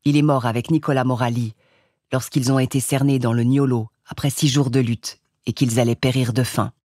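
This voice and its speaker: A woman voicing a tall, stooped, consumptive Corsican man who drawls slowly in a monotone and coughs often, in an audiobook reading. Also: extremely low pitch. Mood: resigned.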